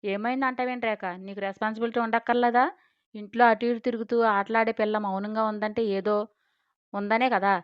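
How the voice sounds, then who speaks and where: A woman's voice: fairly high pitch, steady tone, brisk, dry recording, lightly acted. A woman voicing a stern, protective father who speaks sharply and reproachfully, in a storybook reading. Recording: dull lo-fi dry recording.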